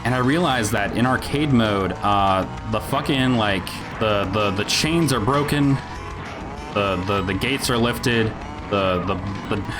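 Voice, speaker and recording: A man giving a casual, sweary gaming rant in a rambling, sardonic, grumpy-old-man grumble. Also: medium pitch. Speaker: video game reviewer. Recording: music behind the voice. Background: music.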